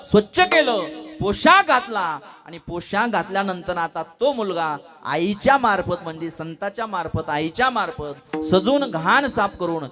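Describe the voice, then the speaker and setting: A man's voice: sits high, animated, moderate pace, sharp tone, faint music behind. A man preaching a devotional kirtan to a live audience. He keeps putting questions to the listeners and acts out the people in his story.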